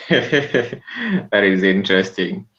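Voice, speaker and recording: A man, a charity founder speaking as a guest on a video call, halting and repeating himself. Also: medium pitch, a bit bright, lo-fi sound. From Kenya. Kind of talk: interview over a video call.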